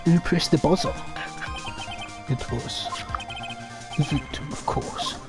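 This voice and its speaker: A man's voice: on the high side, huge pitch swings, slow. Man voicing a courtroom game. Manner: switching between courtroom characters. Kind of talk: voice-acted game playthrough. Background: music.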